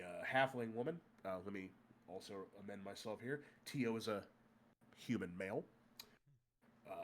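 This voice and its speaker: A man with a slightly bright, mid-range voice and a blocked-up nose acts as game master, summing up the previous session for friends around a table. His recap is relaxed and playful, peppered with fillers.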